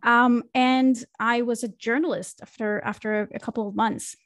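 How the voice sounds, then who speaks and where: This marketing consultant from Israel talks in a fairly high, steady voice at a moderate pace. As a podcast guest in a casual interview, she reflectively recounts her career with fillers and restarts, using a studio mic on a video call from a small room at home. The recording is dry.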